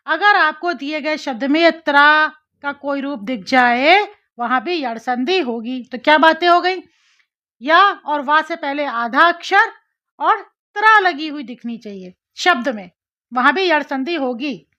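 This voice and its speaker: A woman's voice: sits high, animated, unhurried, pushed and bright. A woman teaching a grammar lesson, explaining step by step, repeating syllables and asking questions to her students. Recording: slightly dull lo-fi audio.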